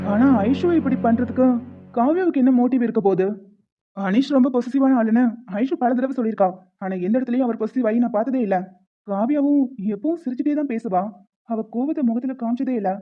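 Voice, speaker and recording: A woman voicing characters in an animated story, talking in an earnest, reasoning way. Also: on the high side. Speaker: narrator voicing the male lead and others. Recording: tinny phone-like sound.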